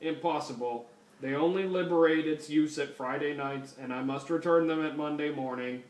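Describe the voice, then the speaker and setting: A man voicing a stiff, literal-minded male cyborg cop who talks flatly in broken grammar, recorded at a distance in a roomy space. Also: a little high, moderate pace, natural voice. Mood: deadpan. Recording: roomy, distant mic, faint noise.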